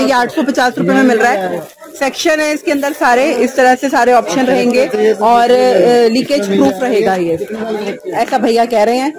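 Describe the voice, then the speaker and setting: A woman vlogging through a busy outdoor market, chatting casually with sellers, asking prices and repeating them for viewers. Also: sits high. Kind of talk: casual shopping vlog. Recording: loud crowd noise outdoors. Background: market crowd chatter.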